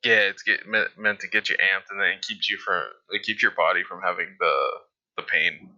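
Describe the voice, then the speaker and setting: Brief: young male guest, low and sharp-toned, hesitant, muffled remote sound. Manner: hesitant, measured, many fillers. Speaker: podcast guest. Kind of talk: casual chat.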